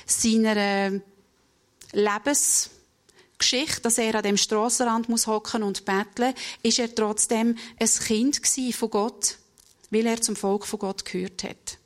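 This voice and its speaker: A woman's voice: fairly high pitch, steady tone, slow. A woman with a Swiss German accent, reading scripture and retelling it in a loose, conversational sermon with frequent hesitations. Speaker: preacher.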